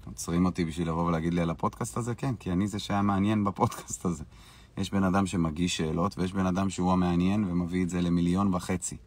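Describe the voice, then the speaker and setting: A man's voice: low voice, fairly even intonation, darkish tone, slightly rough. A man hosting a live stream, casually answering viewers' questions in a brash, boastful and dismissive way.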